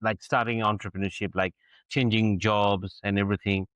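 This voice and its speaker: An earnest podcast co-host, a man who circles back over his words with repetitions and restarts. His voice is fairly low, heard dry and close to the mic. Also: little pitch movement, moderate pace, a bit bright, no echo. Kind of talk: conversational interview.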